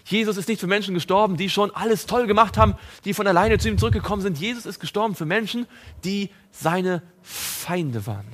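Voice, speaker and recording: A man preaching a sermon, reading scripture and speaking directly to his listeners, moving between raised, emphatic passages and hushed ones. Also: high voice, expressive, fairly quick. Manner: addresses listeners directly and personally; reads scripture aloud within the sermon.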